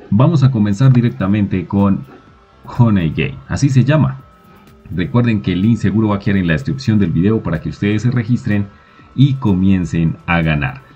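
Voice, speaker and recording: A man's voice: deep voice, warm tone, slightly rough, highs cut off. A man hosting a screen-recorded tutorial, walking through an app and reading its texts aloud. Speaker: video host.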